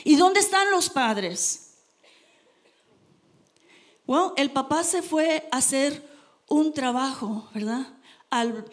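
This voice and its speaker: A woman preaching a sermon to her congregation, earnest and emphatic. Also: fairly high pitch.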